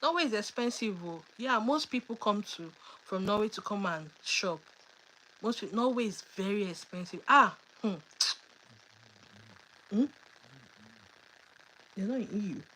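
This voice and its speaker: A woman's voice: medium pitch, lively intonation, a little slow, long pauses, sharp tone, low-quality recording. A woman hosting a casual livestream Q&A, reading out viewers' questions and answering in a chatty, emphatic way with teasing asides. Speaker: livestream host.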